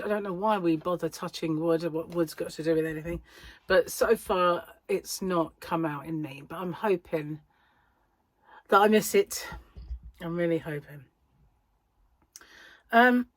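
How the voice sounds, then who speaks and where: A British woman with a slightly low voice talks in a casual, meandering vlog style. She has a slight speech impediment, so the odd word does not form cleanly. The sound is close and dry, and her manner is chatty and self-deprecating. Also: normal speed, long pauses, no room sound. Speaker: crochet vlogger and yarn shop owner. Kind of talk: casual rambling vlog chat.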